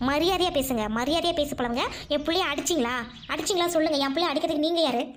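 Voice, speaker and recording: A woman's voice: high-pitched, fast talker, a little hiss or hum, pitched below the performer's own voice, natural voice. A woman voicing a poor working mother who firmly demands respect in an audio drama. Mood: defiant.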